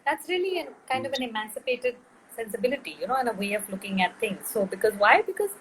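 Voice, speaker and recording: A woman's voice: on the high side, sing-song, quick pace, a bit bright, rough recording. Middle-aged woman, director in an interview, lots of uh and you know, faint hiss behind. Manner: thoughtful, many fillers and restarts. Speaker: film director, guest. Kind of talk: interview conversation.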